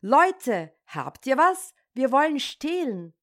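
A woman's voice: high-pitched, very animated, slow pace, fairly bright tone, full character voice. A woman voicing a dim-witted young village wife in a fairy tale, naive and chirpy.

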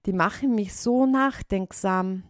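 A woman voicing a good-natured, trusting little female mouse in a storybook reading, earnest and quick to exclaim. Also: medium pitch, no room sound, clean studio sound, close to an everyday voice. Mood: puzzled.

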